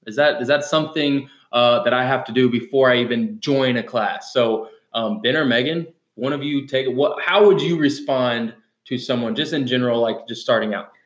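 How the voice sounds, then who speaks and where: A man's voice: medium pitch, normal speed, hardly any pauses. A male CrossFit coach hosting a casual podcast, upbeat and loose, with many fillers and restarts. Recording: echoey room.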